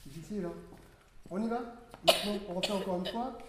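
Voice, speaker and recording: A music teacher leading a group with hand signs, coaxing and animated, giving quick instructions. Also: medium pitch. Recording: very echoey room with steady background noise.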